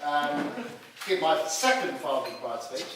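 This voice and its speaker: Echoey, animated man giving father-of-the-bride speech. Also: fairly high pitch. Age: middle-aged. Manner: halting, joking, addresses the audience directly. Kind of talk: father of the bride speech, humorous after-dinner wedding speech. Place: live wedding reception before an audience. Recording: echoey noisy room, distant microphone.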